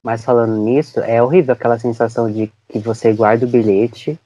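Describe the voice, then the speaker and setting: A teenage boy co-hosting a podcast, telling lively stories in casual chat and acting out the voices of people in them. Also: mid-range voice, brisk. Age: teens. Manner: animated storyteller, acts out voices. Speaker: podcast co-host.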